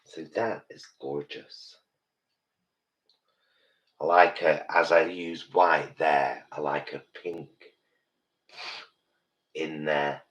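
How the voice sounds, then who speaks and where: A man's voice: rumbling low, level tone, extremely slow, pauses often, fairly bright tone. A British man in his early fifties, a campy drag queen chatting casually and thinking aloud during a live makeup session. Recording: roomy, distant, noisy background.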